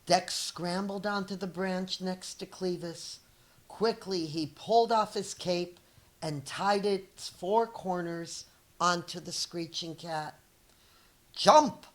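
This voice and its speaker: A children's story is read aloud by a middle-aged woman with a teacherly manner and a voice pitched a little low. Her unhurried, deliberate reading is expressive, and she performs the characters' dialogue.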